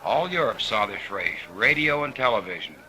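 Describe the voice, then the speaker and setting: A man narrating race footage on an old 1950s film soundtrack, relaxed and dropping wry asides. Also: lowish voice, moderate pace. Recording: hissy, noisy vintage film recording.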